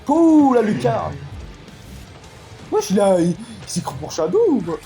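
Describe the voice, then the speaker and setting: A gamer commenting live on an online match, excitable, swinging from low mutters to loud outbursts. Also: measured pace, faint music behind. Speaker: gaming commentator.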